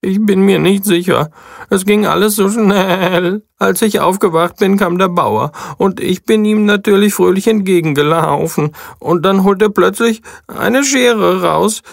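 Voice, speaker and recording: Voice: mid-range voice, gravelly, no echo, clean studio sound, pitched above the performer's own voice. A storyteller voicing a vain, self-pitying male sheep who has just been sheared, wailing in a children's audiobook. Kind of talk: audiobook character voice.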